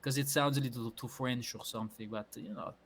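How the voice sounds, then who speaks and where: A man's voice: mid-range voice, steady tone, fairly quick, fairly bright tone, slight background noise. A man guesting on a podcast, chatting casually and riffing playfully into silly bits. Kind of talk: casual comedic chat.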